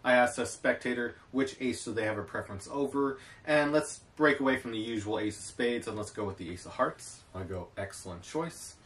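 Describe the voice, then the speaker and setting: A man performing a card trick as a magician, talking through it to camera with theatrical, drawn-out showman phrasing. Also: medium pitch, a bit bright. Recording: distant mic, clear background noise.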